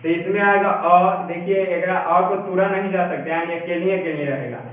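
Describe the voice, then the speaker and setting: A man's voice: high voice, steady tone, moderate pace. A man teaching a grammar lesson for exams, repeating each point and asking questions he then answers himself. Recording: very echoey room, distant mic, dull sound.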